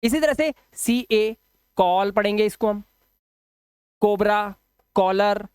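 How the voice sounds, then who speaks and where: A man's voice: sits high, slow, clean tone, dry recording, studio quality. Male teacher spelling out letter sounds. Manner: asks the class rhetorical questions and answers them. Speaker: English teacher. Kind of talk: spoken video lesson for students.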